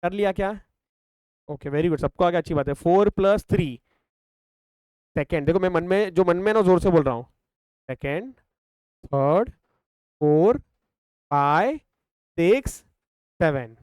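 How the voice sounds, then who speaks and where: Speaking a little fast with long pauses, a young Indian math tutor uses a fairly high, smooth, slightly mellow voice. He throws questions at his students, answers them himself, and counts off steps aloud on a calculator in a close, dry recording with no echo.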